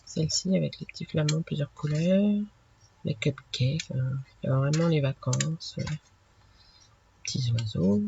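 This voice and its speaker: A woman hosting a craft channel, showing her purchases in a relaxed, chatty way with many fillers. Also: on the low side, creaky. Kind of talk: casual haul video. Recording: lo-fi with audible background noise.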